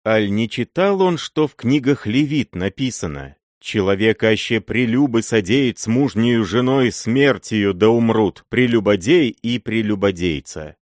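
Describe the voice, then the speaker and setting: Обманутый пожилой муж-боярин в исполнении мужчины, сдержанный и ледяной. Голос низкий, запись сухая, без эха, как у чтеца аудиокниги. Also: male voice, lowish voice, darkish tone, dry recording, clean studio sound. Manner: bitter, cold, measured reproach. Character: stern old boyar, jealous betrayed husband.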